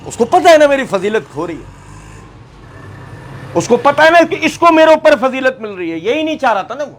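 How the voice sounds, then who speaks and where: A male preacher giving a sermon on scripture, firing rhetorical questions at his listeners and acting out the voices he quotes. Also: very high voice. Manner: lively, acts out quoted voices. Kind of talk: Quran commentary sermon.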